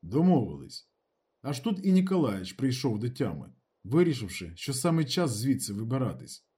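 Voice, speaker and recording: A man narrating a literary audiobook in a lively, expressive reading. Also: medium pitch, normal speed, slightly rough.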